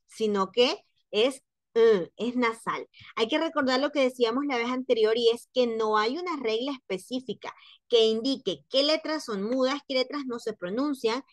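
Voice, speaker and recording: A woman's voice: a little high, fairly bright tone, no room sound. Patient woman teaching French sounds. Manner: patient, repeats sounds slowly to demonstrate. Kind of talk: online phonetics lesson.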